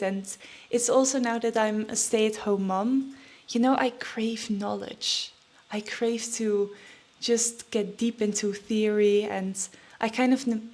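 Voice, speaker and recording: Slow-talking, nervous young woman vlogging. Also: mid-range voice, darkish tone. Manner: chatty, with many fillers and restarts. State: nervous and a bit out of breath. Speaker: trading vlogger. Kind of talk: casual vlog chat.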